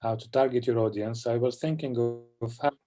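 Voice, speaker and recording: A film director from Palestine answering questions in a festival Q&A over a video call. He speaks in a reflective, halting way and often adds "you know". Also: mid-range voice, over music. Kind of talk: festival Q&A conversation.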